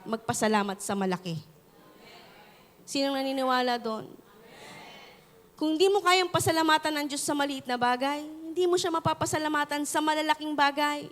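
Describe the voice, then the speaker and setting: Filipino woman pastor, lively call-and-response sermon, high pitch, long church-hall reverb. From Philippines. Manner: mixes Tagalog and English, animated storytelling with call-and-response.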